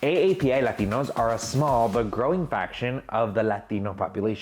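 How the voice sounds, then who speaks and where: A man's voice: medium pitch, expressive, a little fast, soft background music. Man narrating a scripted explainer. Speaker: host and video journalist.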